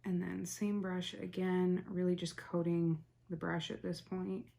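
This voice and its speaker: A young woman hosting a casual, chatty makeup tutorial, rambling softly as she works and often dropping to a near whisper. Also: fairly low pitch, level tone, a little slow, vocal fry. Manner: rambling, soft-spoken, talks while working, often drops to near whisper.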